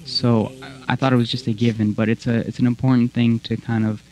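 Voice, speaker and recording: A man's voice: medium pitch, level tone, brisk, a little mellow. A young man hosting a gaming channel, explaining the rules of his run in a rambling, self-correcting way, with the hiccups. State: has the hiccups. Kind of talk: casual gameplay commentary. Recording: dull lo-fi audio with faint music.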